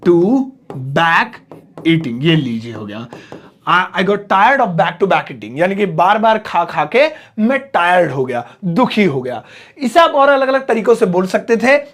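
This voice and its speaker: A man with a Hindi accent, pitched high, teaching a spoken English class. He explains each phrase step by step and stretches the English words out slowly so learners can follow. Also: fairly bright tone.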